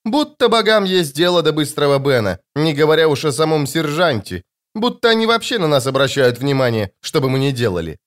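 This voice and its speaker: A man voicing a gruff female corporal who barks and scolds her squad. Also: a little high, expressive, fairly quick, lightly acted. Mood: sardonic. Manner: barking, scolding.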